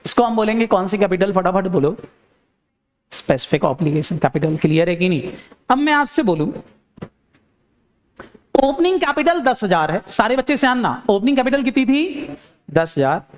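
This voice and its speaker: A man teaching an accounting class in a lecture style, firing questions at students and answering them himself in a lower voice. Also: very animated, moderate pace. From India. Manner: urging, repeats phrases for emphasis.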